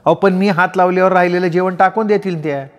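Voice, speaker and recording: A soft, pleading young village wife, as a man puts her on, cautious and soothing. Her voice sits well above his own. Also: high-pitched, fairly even intonation, quick pace, big-room sound, pitched above the performer's own voice, close to an everyday voice. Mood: earnest.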